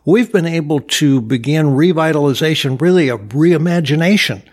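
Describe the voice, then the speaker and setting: Upbeat and boastful, a mayor who is a candidate for county supervisor responds to interview questions with lots of "uh" fillers. He speaks at a moderate pace in a fairly high voice with lively intonation.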